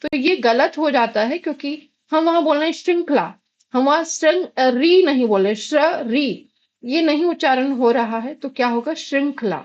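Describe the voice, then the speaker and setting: A high-pitched Indian woman gives a patient grammar lesson. She poses questions to the class and answers them herself. The audio is slightly dull and lo-fi. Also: a little fast, few pauses, a little mellow. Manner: patient, asks and answers her own questions. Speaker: Hindi grammar teacher.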